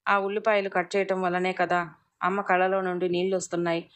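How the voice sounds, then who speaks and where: A woman's voice: fairly low pitch, little pitch movement, fast talker, a bit bright, close to an everyday voice. A woman reading a small worried boy. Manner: earnest, worried. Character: small boy, loving and anxious.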